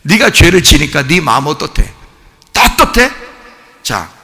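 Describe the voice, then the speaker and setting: A male pastor preaching a sermon, swinging between loud, high exhortation and quiet, low scolding, and asking the congregation questions that he answers himself. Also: sing-song, measured pace. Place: church sanctuary. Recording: long reverb of a church hall.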